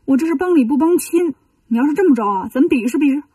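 A woman's voice: high-pitched, animated, quick pace, mellow, no room sound. A woman doing a stern young dragon prince. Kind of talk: children's storybook reading.

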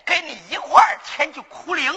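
A man performing a comic folk story, playing a greedy shopkeeper with a boastful, loud, laughing delivery. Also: extremely high pitch, moderate pace, slight background noise, rough recording.

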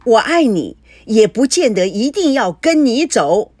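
A woman voices a tired young businessman in an audio novel, holding his voice firm and cold. The delivery is measured and lively in pitch, close and dry. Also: no echo. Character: calm, weary young businessman trying to stay cool.

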